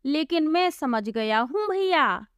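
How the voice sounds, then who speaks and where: A woman's voice: high voice, animated, slow pace, no room sound, studio quality. A woman voicing Gabru, a simple-hearted young village laborer, talking earnestly and pleading.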